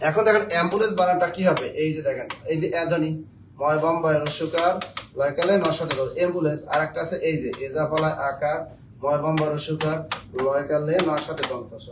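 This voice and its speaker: A man's voice: fairly high pitch, fairly even intonation, quick pace, noisy background. A man from Bangladesh, teaching a spelling lesson for job exams, joking and quizzing his viewers.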